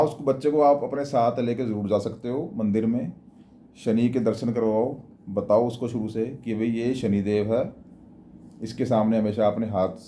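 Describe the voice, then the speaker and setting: Mellow-voiced man giving devotional advice. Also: lowish voice, slight background noise. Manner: plain, repetitive, advising tone with frequent restarts. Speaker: astrology and devotional speaker. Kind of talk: casual spoken explanation.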